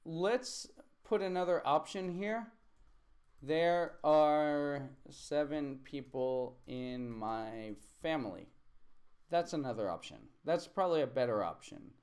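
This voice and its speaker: A man's voice: a little high, takes it slowly, a little mellow. Man teaching a live stream. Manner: chatty, thinks aloud while correcting writing. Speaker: English teacher. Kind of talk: live-streamed online lesson.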